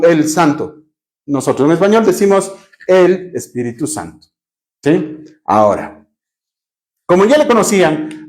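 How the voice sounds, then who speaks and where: A man with a Cuenca Ecuadorian accent leads a Bible class with a slightly higher voice than most men. He questions his students often and spells out terms slowly as he writes on a board. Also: a little mellow. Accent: Ecuadorian Spanish, Cuenca. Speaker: Bible teacher.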